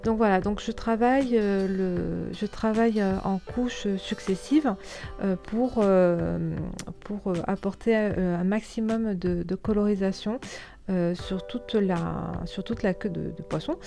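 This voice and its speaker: Woman, mellow voice, halting casual tutorial voice-over, faint music behind. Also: medium pitch, creaky. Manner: hesitant, many fillers and restarts. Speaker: scrapbooking tutorial host.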